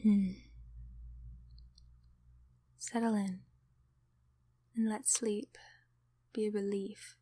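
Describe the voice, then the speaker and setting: In an ASMR roleplay, a woman voices a kindly sleep paralysis demon, encouraging and affectionate in a soft, soothing, often whispered delivery with a reassuring mood. Her mid-range voice is flat and very slow, with long pauses and no room sound.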